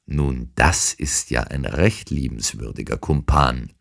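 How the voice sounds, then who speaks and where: A man voicing a calm, unshakable detective in an audiobook, speaking with dry irony. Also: extremely low pitch, slow pace, vocal fry, full character voice. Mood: amused, brisk. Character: calm, ironic adult male detective. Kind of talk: audiobook character reading.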